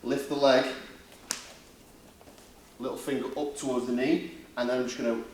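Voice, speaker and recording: A man's voice: mid-range voice, flat delivery, moderate pace, darkish tone. Echoey Yorkshire man coaching grappling. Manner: informal, blokey, step-by-step instructions with checking questions. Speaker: martial arts seminar coach. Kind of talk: hands-on demonstration teaching with casual banter. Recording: echoey room, distant mic, faint noise.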